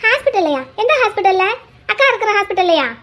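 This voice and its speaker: A woman voicing a bossy, sharp-tongued young daughter-in-law who scolds briskly. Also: very high-pitched, big pitch swings, full character voice. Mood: scolding.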